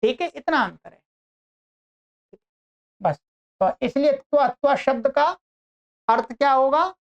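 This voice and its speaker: A woman teaching an online grammar lesson, explaining slowly and repeating her own questions to the class. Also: high-pitched, animated, lo-fi sound.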